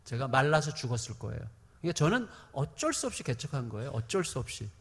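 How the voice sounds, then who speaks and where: A man's voice: medium pitch, sing-song, fast. Emphatic male preacher in a reverberant hall. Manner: emphatic preaching with repeated phrases and sudden swings in loudness. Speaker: pastor. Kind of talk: sermon.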